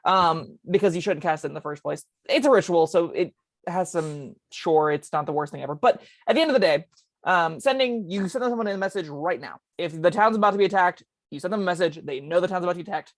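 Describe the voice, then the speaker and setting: Woman rattling off game spell takes, quick bursts, lots of ums, dry mic. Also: lowish voice, dry recording. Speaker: co-host discussing tabletop spells. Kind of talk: casual podcast chat.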